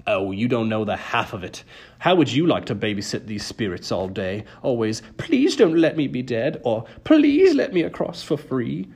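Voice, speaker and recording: A man voicing a greedy, grumbling male ferryman of the dead in an audiobook reading, gruff and self-pitying. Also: mid-range voice, very animated, moderate pace, darkish tone, full character voice.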